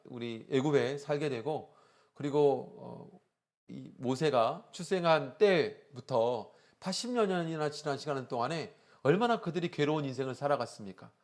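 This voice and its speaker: A man's voice: mid-range voice, normal speed. A male pastor preaching a sermon in church, telling a story with frequent "uh" fillers and rising emphasis.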